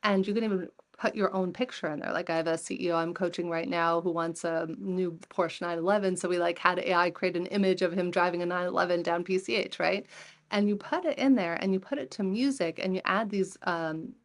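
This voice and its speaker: A woman in her forties, speaking a little low for her sex, talks with a guest's easy energy. She tells her anecdotes vividly and slips into the voices of the people she quotes. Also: a little fast. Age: 40s. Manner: lively storyteller who acts out quoted dialogue. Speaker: podcast guest, entrepreneur and coach. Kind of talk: conversational interview storytelling.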